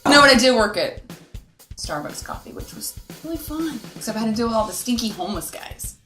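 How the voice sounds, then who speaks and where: A woman's voice: fairly high pitch, very animated, brisk, a bit bright. A woman, chatting with her bandmates, giggly and chatty as she tells a story. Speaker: band member. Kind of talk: casual group chat. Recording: echoey room with music behind.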